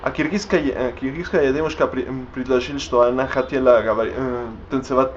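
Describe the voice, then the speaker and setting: A native Spanish-speaking man vlogs spontaneously in a language he's learning, halting with many restarts and fillers while looking for the right words. His mid-range voice is steady in tone, and the dull recording has a little hiss or hum.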